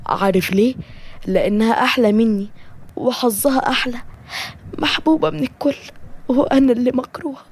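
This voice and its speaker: A woman's voice: fairly high pitch, a little mellow, lightly acted. A woman voicing a bitter, envious young woman with an Egyptian accent and a spiteful, resentful tone. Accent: Egyptian Arabic.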